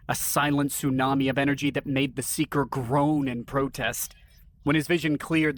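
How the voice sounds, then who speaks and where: A man narrating a scripted science-fiction story in an even, dramatic storytelling manner. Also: mid-range voice.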